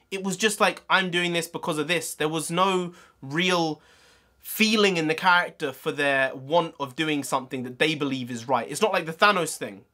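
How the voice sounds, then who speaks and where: Bright, forceful male film reviewer. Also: high-pitched. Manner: blunt, informal, sweary. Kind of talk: casual opinionated review to camera.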